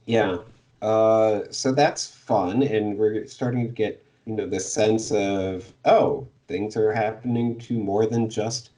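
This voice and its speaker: The man's lowish voice stays steady and mellow as he takes his time. In casual podcast conversation he lays out a book's plot, hesitant throughout with many fillers and little laughs.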